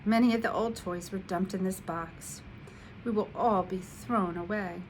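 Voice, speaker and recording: A woman voicing a gentle, wistful wind-up toy mouse in a storybook read-aloud, speaking softly and confidingly. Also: mid-range voice, fairly even intonation, measured pace, close to an everyday voice, poor audio. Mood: sad.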